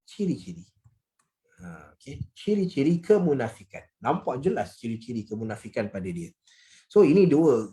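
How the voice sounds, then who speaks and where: A man's voice: medium pitch, dark tone. A man teaching a Quran study lesson in a conversational way, often saying "okey" and "ha" and acting out tones of voice. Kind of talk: religious lecture.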